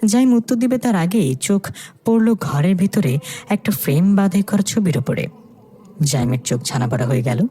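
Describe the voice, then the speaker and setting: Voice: medium pitch, expressive, normal speed, breathy edge. A storyteller reading a scripted horror story aloud and voicing every character. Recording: soft music behind.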